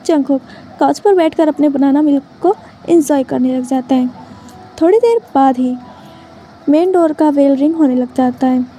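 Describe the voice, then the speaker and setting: A woman narrates a story in a plain, steady way. Her voice is high with a soft, dark tone. It is a storybook read-aloud. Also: moderate pace, a little hiss or hum.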